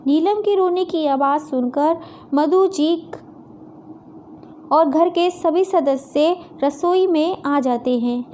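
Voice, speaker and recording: A woman narrating a family moral story in a plain, clear storytelling manner. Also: high voice, a little mellow, slight background noise.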